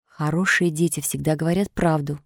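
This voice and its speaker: A woman voicing a kind, patient fairy in a calm, soft, instructive voice. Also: deep voice, fairly quick, no echo, studio quality. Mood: gentle.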